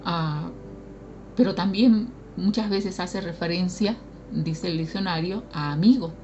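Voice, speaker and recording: A woman's voice: fairly low pitch, a little slow, a little mellow, lo-fi sound, a little hiss or hum. A woman preacher from Bolivia, giving an earnest sermon and asking the congregation questions.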